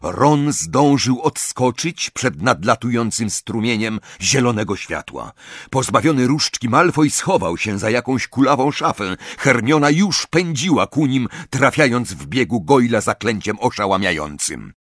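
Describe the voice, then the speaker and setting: A man's voice: medium pitch, lively intonation, unhurried, fairly bright tone, husky, dry recording, studio quality. A man narrating an audiobook with dramatic, varied storytelling. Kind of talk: expressive audiobook reading.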